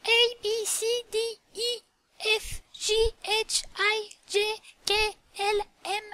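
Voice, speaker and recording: A woman's voice: extremely high pitch, little pitch movement, slow, pushed and bright, heavily acted. A woman voicing an eager schoolchild who recites the alphabet, talking with hesitant fillers. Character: eager schoolchild, a native English speaker.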